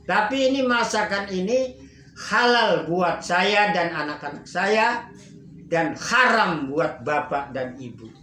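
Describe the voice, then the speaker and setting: Man doing a calm, dignified poor widow; soft, slow, roomy echo. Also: sits high, a little hiss or hum, pitched below the performer's own voice, exaggerated voice. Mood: calm dignity. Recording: roomy echo, faint ambience.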